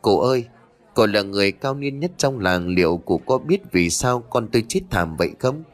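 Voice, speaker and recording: A man's voice: fairly low pitch, expressive, normal speed, a faint crowd, natural voice. A man reading a grieving village father. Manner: tearful, pleading, deferential.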